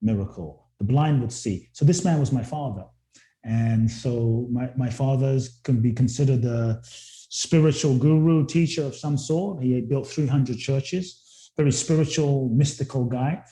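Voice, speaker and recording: His voice is medium in pitch and dark in tone, and he takes his time. This man, a guest speaker from Ghana who grew up in London, reflects earnestly on his story, restarting sentences with repeated words, in a recording with roomy echo.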